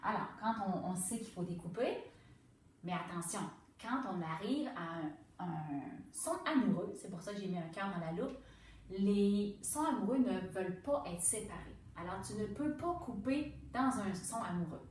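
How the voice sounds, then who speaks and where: A woman with a Quebec French accent gives a gentle reading lesson to young children, slowing down to sound out each syllable. She stands a little away from the mic in a strongly echoing room, with faint ambience underneath. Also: mid-range voice, lively intonation, recorded from a distance, a little hiss or hum. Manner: patient, sounding words out slowly. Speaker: teacher.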